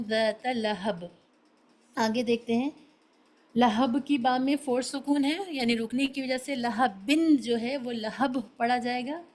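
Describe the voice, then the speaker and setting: A woman's voice: a little high, low-quality recording. A woman teaching a beginners' tajweed class, patiently explaining letter sounds and mixing in English terms. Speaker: Quran recitation teacher.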